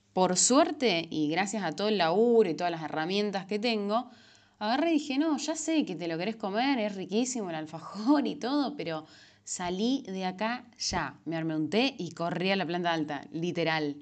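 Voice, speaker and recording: Young woman, Rioplatense accent, casual self-help vlogger; lively, filler-heavy delivery. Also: lowish voice. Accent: Rioplatense Spanish. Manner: chatty, animated, frequent fillers and self-corrections. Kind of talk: casual advice monologue.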